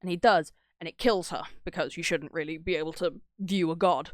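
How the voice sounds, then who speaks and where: Sweary and irreverent, a woman streamer who reacts to horror videos chats casually and rambles through her stories, acting out the dialogue as she retells them. Her voice is fairly low and a little fast, recorded with clean studio sound and no echo.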